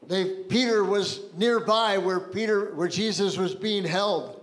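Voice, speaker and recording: A man's voice: high-pitched, takes it slowly. A man preaching a sermon in short phrases for an interpreter, storytelling and acting out quoted lines with light jokes. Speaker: guest preacher.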